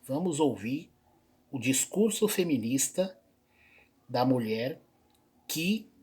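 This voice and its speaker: A man hosting a reaction video, talking in loose, rambling commentary with frequent fillers and pauses. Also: medium pitch, lively intonation, darkish tone, husky. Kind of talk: casual spoken commentary.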